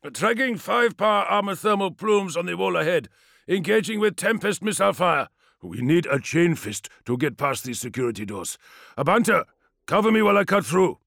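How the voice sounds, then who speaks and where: A man voicing a grim male armored warrior commander, brooding low in council and bellowing orders in battle. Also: breathy edge, dry recording, clean studio sound, full character voice.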